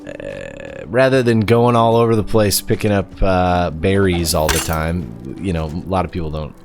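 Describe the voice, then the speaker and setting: Deep-voiced man casually commenting on a game. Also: very animated, creaky. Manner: halting, musing aloud. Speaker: game streamer. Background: faint game music.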